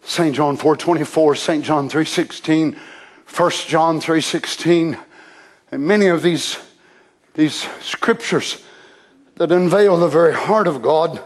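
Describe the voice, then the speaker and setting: A man preaching an impassioned sermon, shouting at the peaks and dropping to a hush. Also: on the high side, takes it slowly. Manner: shouting, impassioned, swings from loud to soft.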